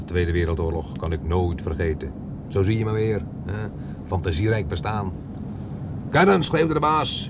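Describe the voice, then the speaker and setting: A man's voice: low-pitched, background noise, close to an everyday voice. A man dubbing a cocky young chauffeur who lies freely, speaking with breezy, teasing banter. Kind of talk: dubbed film dialogue.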